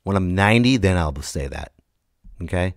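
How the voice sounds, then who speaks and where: This solo podcast host, a man in his late thirties, speaks in a low, lively voice at a normal speed. He rants and tells stories in a casual, blunt, emphatic way, swearing and performing the lines he quotes. The recording is dry and studio-clean.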